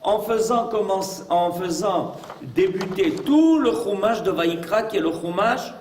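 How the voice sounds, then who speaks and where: A man's voice: high voice, expressive, measured pace, darkish tone, slight background noise. A man as a rabbi giving a religious lesson, emphatic and full of rhetorical questions. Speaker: rabbi teaching a class. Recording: echoey room, mic far off.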